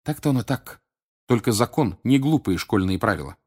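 A man's voice: medium pitch, expressive, brisk, husky. A man voicing a clever, anxious teenage schoolgirl witch in an audiobook, speaking earnestly and urgently, raised well above his own voice. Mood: worried. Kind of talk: audiobook character voice.

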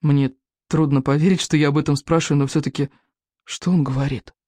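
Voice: mid-range voice, steady tone, a little fast, warm tone, dry recording, natural voice. A reader voicing a timid, bookish boy who asks questions hesitantly, in a storybook reading. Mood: nervous.

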